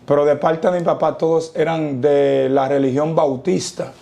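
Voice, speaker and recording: Quoting scripture at a measured pace, this young Dominican man tells his testimony like a preacher, lingering on each idea with emphatic pauses. His Dominican Spanish-accented voice, a bit high for a man, stays steady, dark and mellow, and it turns gravelly at the close of phrases.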